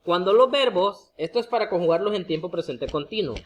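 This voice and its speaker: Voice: mid-range voice, animated, brisk, highs cut off. Patient teacher repeating each example. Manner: addresses the viewer directly, often with a coaxing "look". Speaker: English teacher. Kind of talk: explaining grammar rules to students.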